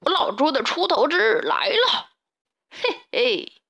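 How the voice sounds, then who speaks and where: A woman's voice: sits high, very animated, slow, vocal fry, bright, forceful tone, pitched above the performer's own voice, full character voice. A woman voicing a sly, greedy male stray pig who fakes being hurt, in a children's storybook. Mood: gloating.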